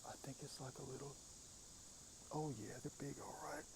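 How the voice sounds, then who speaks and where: Male outdoor vlogger, mid-pitched voice, hushed and often whispering, faint crickets and insects in the background. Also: little pitch movement, fairly quick, background noise. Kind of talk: hushed outdoor vlog narration. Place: outdoors by water.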